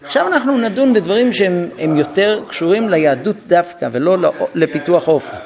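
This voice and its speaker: A man's voice: sits high, creaky, crowd noise. A man giving an informal parenting talk to a group, telling stories and acting out dialogues between parent and child. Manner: animated storytelling, acting out dialogues. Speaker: parenting lecturer.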